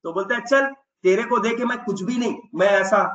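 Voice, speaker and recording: A man's voice: high-pitched, moderate pace, fairly bright tone. A man teaching chemistry in speech, acting out electrons as bickering characters with scolding asides. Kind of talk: animated classroom lecture. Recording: echoey room, distant, dull lo-fi sound.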